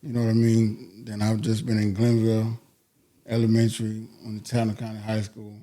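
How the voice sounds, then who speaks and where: Mellow, slangy man being interviewed. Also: fairly low pitch, monotone, fairly quick. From New York, then Georgia from about age eleven. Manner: slangy, often tags phrases with 'you know what I mean'. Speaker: interview guest, rapper. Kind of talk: casual street-talk chat.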